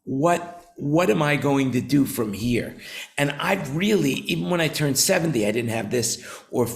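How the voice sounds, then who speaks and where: A man's voice: on the high side, expressive, moderate pace, gravelly. A man in his seventies hosting a casual roundtable talk, rambling with many repeated words and fillers. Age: 70s. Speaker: show host, company founder.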